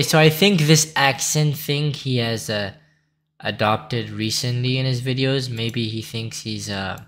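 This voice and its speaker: A man's voice: lowish voice, a bit bright. A young man casually reacting to chess videos, blunt and sarcastic, often trailing off into mumbles. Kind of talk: casual mocking reaction commentary.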